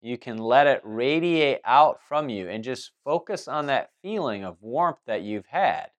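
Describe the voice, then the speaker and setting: A man's voice: mid-range voice, lively intonation, a little slow. A man giving a loose spoken monologue as host, restarting sentences and circling back with fillers as he talks. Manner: rambling, many restarts and fillers. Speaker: spiritual talk host.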